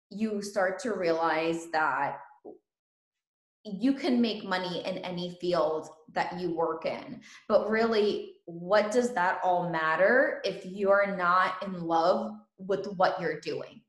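A woman's voice: fairly low pitch, unhurried. Chatty Ukrainian-born woman host, echoey room. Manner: enthusiastic, laughs often. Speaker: podcast host. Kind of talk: casual interview chat.

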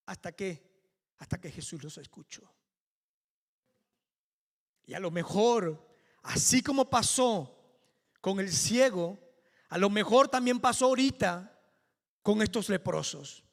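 A male pastor preaching a sermon with fervour, building to near-shouted climaxes. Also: high voice, animated, slow, creaky, long pauses. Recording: long hall reverb.

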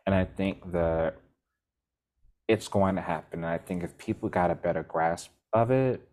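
A man co-hosts a podcast with a low voice at normal speed. He talks casually and rambles, often restarting his sentences and breaking into animated bursts of energy.

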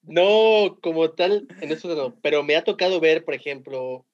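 A Mexican man, a teacher, telling animated anecdotes in slangy casual talk with a Mexican accent and frequent laughter. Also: a little high, normal speed. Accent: Mexican Spanish. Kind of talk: casual podcast storytelling. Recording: dull lo-fi sound.

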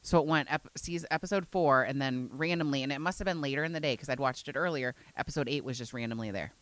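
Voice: medium pitch, fast talker, a bit bright. A co-host of a reality TV recap podcast, talking casually with lots of "like"s and sentences that trail off. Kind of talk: casual chat.

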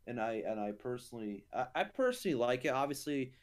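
A young man with a mid-pitched voice co-hosts a casual podcast chat. He teases his friend, laughs often and keeps the talk light and playful. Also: very animated, fast talker. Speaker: podcast co-host.

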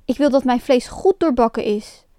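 A woman voicing a gruff, frightening male puppet master who barks orders. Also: sits high, normal speed, no room sound, clean studio sound, lightly acted. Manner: bossy, shouting.

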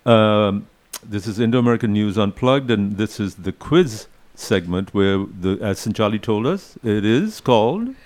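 A man co-hosts a live radio show casually, with halting, wry banter. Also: fairly low pitch, expressive, darkish tone. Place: radio studio.

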